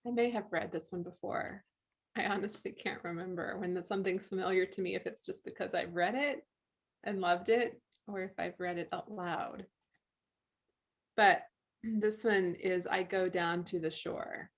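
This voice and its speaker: A woman co-hosting a poetry and tea session, reading poems aloud and talking in a soft, thoughtful way with pauses. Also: mid-range voice, fairly even intonation, slightly rough. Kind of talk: slow, reflective poetry reading and chat.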